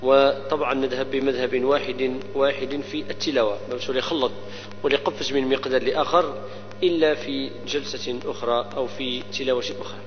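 A man teaches the rules of Quran recitation, explaining each rule and then reciting example words slowly and repeating them. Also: medium pitch, steady tone, faint music behind. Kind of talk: tajweed lesson with recited examples. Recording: dull lo-fi recording with long reverb and hum.

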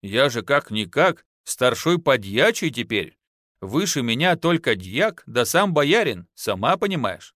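A man's voice: medium pitch, big pitch swings, measured pace, a bit bright, no echo, studio quality. A man voicing a boastful, easygoing young husband in an audiobook, talking in a folksy, placating way. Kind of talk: audiobook narration.

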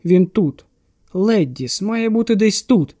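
A man's voice: high voice, expressive, slow, warm tone, full character voice. A man voicing a determined male marshal in an audiobook, speaking tersely. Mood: tense.

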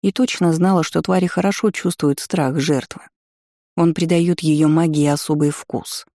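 Gravelly mellow male audiobook narrator. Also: a little high, fairly even intonation, moderate pace, dry recording, studio quality. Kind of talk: scripted narration.

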